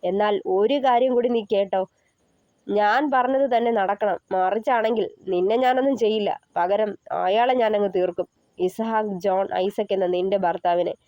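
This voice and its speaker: A woman's voice: mid-range voice, moderate pace, no room sound, muffled recording, lightly acted. A woman voicing a scheming young man who fakes pleading sobs and makes cold threats, in an audio novel. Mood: menacing.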